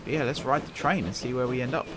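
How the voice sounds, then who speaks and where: Fast-talking and medium-pitched, the man behind a gaming channel rattles off casual commentary on his gameplay, thinking aloud and teasing himself. A long day of talking has left his voice croaky; background music plays amid a noisy background.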